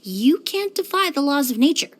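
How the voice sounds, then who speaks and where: Courteous and inquisitive, a young woman plays a calm perfumer character in a game. Her pitch sits high, and she reads scripted lines in a softly formal, even-tempered, measured way.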